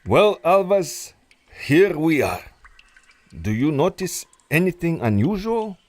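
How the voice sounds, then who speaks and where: A scheming villain doctor, voiced by a man, purrs his threats in an unhurried, silky way, letting each line drag. His voice sits high and swings widely between menace and mock courtesy, the way old radio serial villains did. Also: sing-song. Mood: condescending. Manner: silky, menacing, drawn-out delivery. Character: scheming foreign male villain doctor, smooth and manipulative. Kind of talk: old-time radio drama acting.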